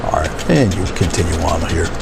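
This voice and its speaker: Middle aged guy doing a gentle painting tutorial, gravelly fry in his voice, unhurried, noisy room hum. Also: low voice, expressive. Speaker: painting instructor and livestream host. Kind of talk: casual painting tutorial, thinking aloud while working. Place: small indoor room with curtained window, painting at an easel.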